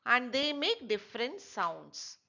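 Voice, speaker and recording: A woman, teaching a children's textbook lesson slowly and asking and answering her own questions. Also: fairly high pitch, sing-song, vocal fry, sharp tone, lo-fi sound.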